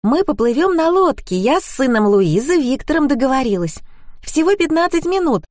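A woman reader voicing an excited, tipsy woman on holiday, talking high and bubbly. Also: moderate pace, dry recording, clean studio sound.

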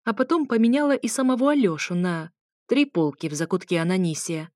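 A woman's voice: medium pitch, fairly quick, a little mellow, no echo, studio quality. A woman reading a first-person story aloud, in a wry, conversational way. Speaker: audiobook reader.

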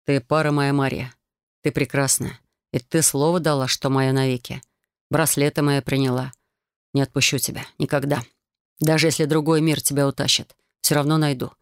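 A woman's voice: rumbling low, level tone, moderate pace, smooth, no echo, clean studio sound. Woman voicing a solemn devoted dragon man. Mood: tender vow.

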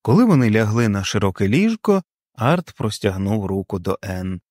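Expressive male audiobook narrator. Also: fairly low pitch, moderate pace, dry recording, studio quality. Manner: expressive storytelling.

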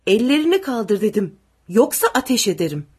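A woman voicing a brutal tall male soldier who barks threats and orders, with a husky voice. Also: medium pitch, expressive, normal speed, darkish tone. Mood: barking threats.

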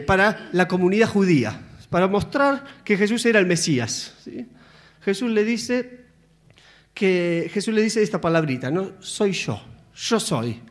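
A man preaching a sermon in a conversational way, acting out biblical dialogue and checking in with his listeners. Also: high voice. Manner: conversational, acts out biblical dialogue with frequent tag questions.

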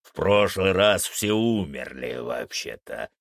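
A man voicing a gruff old male werewolf in an audiobook, with a slow, growling, suspicious way of talking. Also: low-pitched, very animated, no echo, studio quality, voice pushed down, heavily acted. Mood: grim. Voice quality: gravelly, growling. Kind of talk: audiobook character voice.

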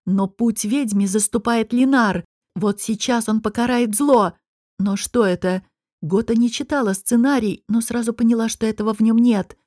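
Woman narrator, slightly high voice, slow measured reading, dry close sound. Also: a little mellow, no room sound. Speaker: audiobook narrator. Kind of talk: scripted narration.

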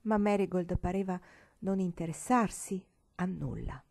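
A woman's voice: lowish voice, animated, measured pace, gravelly, a little mellow. A woman reading a storybook aloud expressively, sometimes dropping to a whisper. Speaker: audiobook reader.

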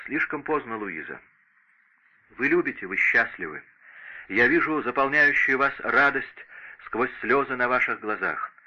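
A man's voice: mid-range voice, expressive, a little slow, sharp tone, lo-fi sound, exaggerated voice. A man voicing a heartbroken young nobleman who speaks formally and earnestly in an audiobook. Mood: grieving. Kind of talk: audiobook character reading.

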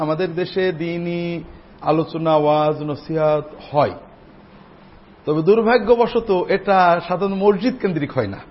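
A man giving a Friday sermon as imam in a mosque, speaking straight to the congregation after a slow chanted Arabic opening. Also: on the high side. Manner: teaching, addressing the congregation directly. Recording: dull lo-fi recording with faint noise.

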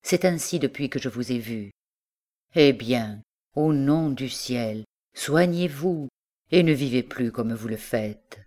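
A woman's voice: a bass voice, animated, slow pace, a little mellow, full character voice. A woman reading an audiobook voices an earnest, emotional young man in love, in her own plain voice. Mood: pleading.

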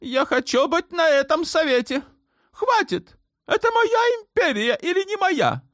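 A man's voice: sing-song, measured pace, a bit bright, no room sound, clean studio sound, exaggerated voice. A man voicing a hysterical, tyrannical young sultan in an audiobook, shrieking his orders in fits of rage. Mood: raging. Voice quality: shrill screaming. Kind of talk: audiobook character voice.

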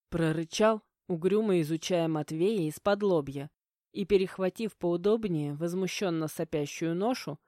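Woman narrating with a mellow tone. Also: fairly low pitch, dry recording, clean studio sound. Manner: expressive storytelling, lively quoted dialogue. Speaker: audiobook narrator. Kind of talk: first-person scripted narration.

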